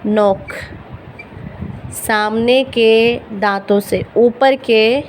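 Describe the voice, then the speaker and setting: A native Urdu-speaking woman gives beginners a lesson in pronouncing Arabic letters for Quran reading, slowly repeating each sound with patience. Her voice is a little high and steady in tone, captured on a rough recording with a little hiss or hum.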